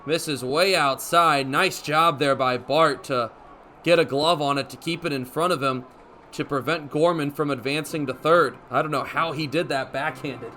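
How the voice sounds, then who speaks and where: A young man calls a baseball game live on radio, his high voice sharp and forcefully bright at a normal speed. He narrates the action in short, clipped phrases that build to excited calls, with faint ballpark noise in the background.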